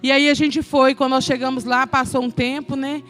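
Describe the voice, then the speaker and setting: A high-voiced Brazilian woman in middle age delivers an emotional church testimony, speaking straight to the congregation. Soft music plays faintly under her voice. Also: little pitch movement, fairly quick. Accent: Brazilian Portuguese. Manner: emotional, addresses the congregation as brothers. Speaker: children's ministry speaker. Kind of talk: testimony sermon.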